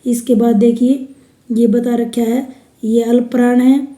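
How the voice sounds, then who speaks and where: Woman teacher, slightly high voice, unhurried explanatory lecture, roomy echo. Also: flat delivery, dark tone. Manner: slow, explanatory, spells out sounds one by one. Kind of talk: Hindi linguistics lecture.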